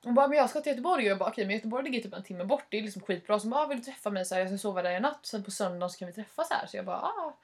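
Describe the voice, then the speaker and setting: A young woman casually telling a story to a friend, animated, acting out her own reactions and swearing freely. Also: mid-range voice, few pauses.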